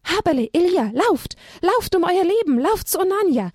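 A woman's voice: high voice, fairly even intonation, normal speed, dark tone, dry recording, studio quality, voice pushed up. A woman voicing a caring, protective mother donkey who calls out urgently. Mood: frantic.

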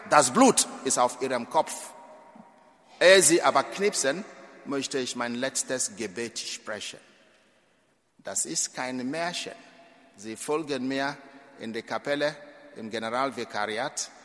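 Man, priest preaching a sermon, slow deliberate delivery, long church reverb. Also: medium pitch, a bit bright. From Nigeria. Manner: emphatic, with dramatic swells and drops in volume. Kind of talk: sermon at mass.

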